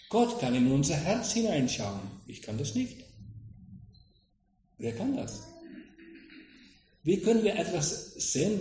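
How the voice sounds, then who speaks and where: Man, sermon, animated pitch, echoey hall, faint hiss. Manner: lively, questioning, addresses listeners directly. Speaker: preacher. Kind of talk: sermon expounding scripture. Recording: echoey room with faint noise.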